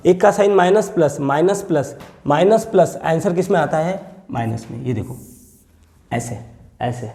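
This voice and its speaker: A man teaching a math lesson, explaining each step slowly, repeating phrases and asking the class questions as he writes. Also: fairly high pitch, lively intonation, mellow.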